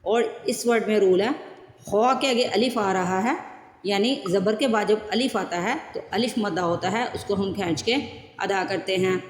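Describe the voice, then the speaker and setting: A woman teaching Quran recitation, chanting verses slowly and drawn out, then explaining each sound step by step. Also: mid-range voice. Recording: roomy with long reverb.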